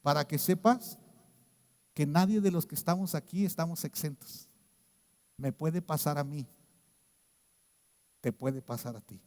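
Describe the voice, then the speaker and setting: A man preaching a sermon as pastor, telling a story and swinging from hushed to loud, emphatic moments. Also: fairly high pitch, measured pace, pauses often, in a large hall. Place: church.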